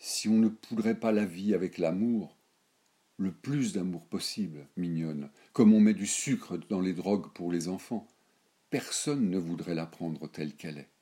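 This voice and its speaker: A proud old noblewoman in a storybook, lecturing with scorn and worldly certainty, as a man reads her in his own low, dark voice. Her speech is declamatory and slow-built. The tone stays mellow and deep. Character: indignant aristocratic old grandmother, worldly and scornful.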